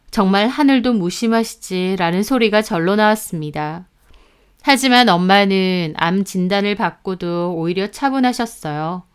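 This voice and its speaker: A woman narrating a first-person story in an even, earnest manner. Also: mid-range voice, clean tone.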